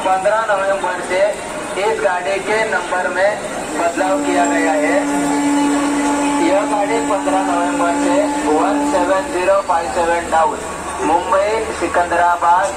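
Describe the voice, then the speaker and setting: Male station announcer over the PA loudspeaker, fairly high voice, echoey and distant on a noisy platform. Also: fairly even intonation. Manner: slow, measured public-address delivery. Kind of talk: formal railway announcement.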